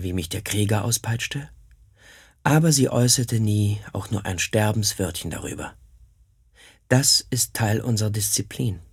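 Gravelly, husky male narrator. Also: on the low side, no echo, clean studio sound. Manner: steady, plain storytelling. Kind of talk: first-person audiobook narration.

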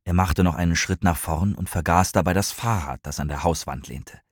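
Male audiobook narrator, calm, even, very deep, husky, dry close sound. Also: a little fast, dry recording. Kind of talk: scripted narration.

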